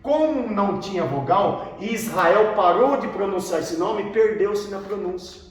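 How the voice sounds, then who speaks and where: Brazilian pastor teaching, echoey and distant. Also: male voice, high voice, expressive, measured pace. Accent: Brazilian Portuguese. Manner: asks the class questions and repeats their answers. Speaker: pastor teaching a Bible class. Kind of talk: classroom theology lesson. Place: large echoey room with students, from far off. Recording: echoey room, voice from far off, faint noise.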